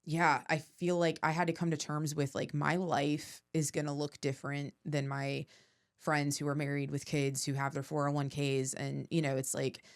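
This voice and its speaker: Casting: woman, 30s, low voice, animated stand-up comic, swears easily, gets emotional. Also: normal speed. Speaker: comedian guest. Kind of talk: casual podcast chat.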